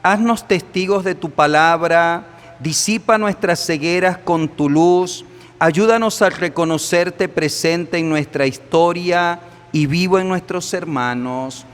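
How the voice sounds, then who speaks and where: Slow, solemn priest in a reverberant church. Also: male voice, sits high, clear, resonant tone. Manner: solemn, measured, deliberate phrasing. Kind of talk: sermon and liturgical prayer. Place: large echoing church. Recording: long reverberant church echo.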